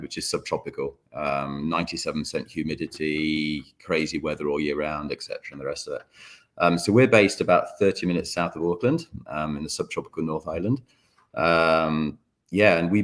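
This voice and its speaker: A man talking casually as a guest distiller on a video call, relaxed and chatty with many ums. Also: a bass voice.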